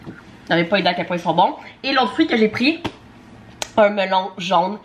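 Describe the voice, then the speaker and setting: A young woman with a Québécois French accent talks easily to her camera, rambling with fillers and little asides. Her voice sits at a middle pitch. A faint hum of noise runs under the recording. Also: expressive, moderate pace. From Quebec, Canada. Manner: chatty, many fillers and asides. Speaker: vlogger. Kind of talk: casual vlog chat.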